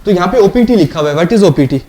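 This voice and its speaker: A man's voice: high voice, lively intonation, quick pace, mellow. A male lecturer teaching a programming class, explaining step by step and often asking the class questions to check they follow.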